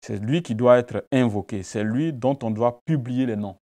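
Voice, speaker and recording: In a mellow, mid-range voice at normal speed, a non-native French-speaking pastor preaches a devotional sermon and prays, repeating points emphatically and asking rhetorical questions.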